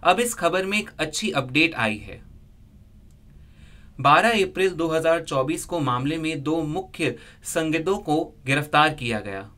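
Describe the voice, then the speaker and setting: A man reading a scripted news report as a voice-over, in a steady, measured way. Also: fairly high pitch.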